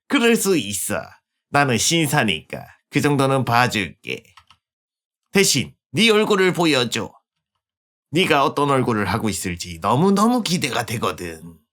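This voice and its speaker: A streamer voicing a sinister, mocking gentleman villain in a video game, gloating and taunting theatrically like a mustache-twirling villain. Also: mid-range voice.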